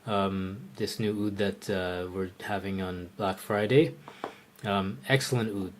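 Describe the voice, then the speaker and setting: With slight background noise present, a lowish-voiced man leads a live online oud lesson, casually handling viewer questions while thinking aloud, peppered with fillers and restarts.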